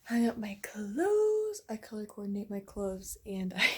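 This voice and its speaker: A woman's voice: mid-range voice, very animated, measured pace, darkish tone, breathy edge. Chatty young woman vlogging from home. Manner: chatty, rambling, filler-heavy. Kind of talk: casual home vlog. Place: at home, in her bedroom.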